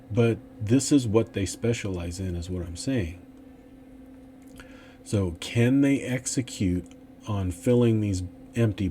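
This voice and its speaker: A man's voice: on the low side, warm tone, a little hiss or hum. A man hosting an investing channel, talking through stock picks in a casual, rambling way with many fillers and restarts. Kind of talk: casual stock analysis talk.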